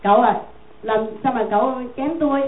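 A calm, gentle male monk pleads patiently, as a woman voices him in a story. The voice is high. The recording sounds tinny and phone-like, with a hollow echo. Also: normal speed, lightly acted. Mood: pleading.

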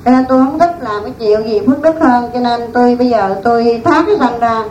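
A woman's voice: a little high, fast, darkish tone, highs cut off, lightly acted. A woman voicing a contented former queen in a chatty, laughing way, inside a spoken story. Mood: gleeful. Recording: echoey room, distant mic, faint noise.

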